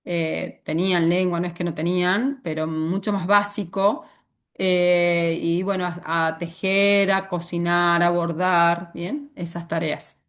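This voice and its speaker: With a lowish voice, a level tone, and a slow pace, a woman teacher speaking Argentine Spanish delivers a lecture. She keeps checking in with the class through frequent questions.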